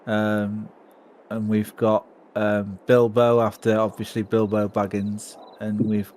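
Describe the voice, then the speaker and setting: Laid-back man with a lowish voice. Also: monotone, slow pace, darkish tone, poor audio. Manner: laid-back, hesitant with many ums. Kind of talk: casual chat.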